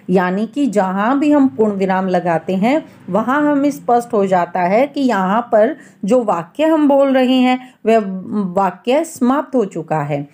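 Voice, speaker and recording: Slow, patient woman teaching grammar. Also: fairly high pitch, darkish tone. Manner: slow, patient explaining with fillers. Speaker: Hindi teacher. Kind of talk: classroom grammar lesson.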